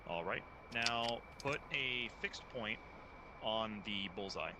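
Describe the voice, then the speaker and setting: A man's voice: on the low side, lively intonation, slow. A man speaking as a flight-sim pilot in casual squad radio chat. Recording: loud vehicle-like noise.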